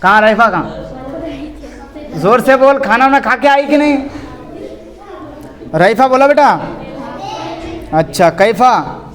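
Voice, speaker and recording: A man's voice: extremely high pitch, animated, takes it slowly, long pauses, fairly bright tone. A man who teaches religion, running a classroom quiz and roll call. He teases and scolds his pupils and calls them "son". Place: classroom with children. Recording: echoey room reverb.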